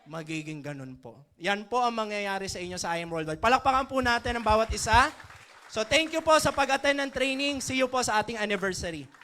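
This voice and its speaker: A man leading a seminar for an audience, telling a comic story in a playful, animated way and drawing the crowd in. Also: very high voice, fast. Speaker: motivational trainer. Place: training event before an audience.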